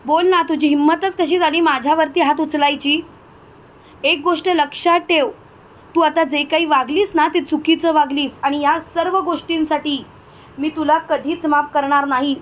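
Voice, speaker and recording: A woman's voice: sits high, steady tone, normal speed, lightly acted. A woman voicing a domineering, harsh older woman who scolds and gives orders. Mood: furious.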